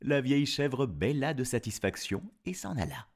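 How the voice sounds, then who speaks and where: A man's voice: mid-range voice, animated, moderate pace, creaky. A man narrating a fairy tale in a playful way, breaking off for wisecracking asides. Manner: playful, wisecracking, laughs at own puns. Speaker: storyteller. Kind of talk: storybook narration with comic asides.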